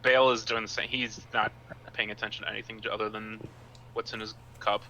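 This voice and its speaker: Bright-voiced man running a tabletop game. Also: lowish voice, level tone, a little fast, slight background noise, rough recording. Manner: filler-heavy, repeats words. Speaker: game master.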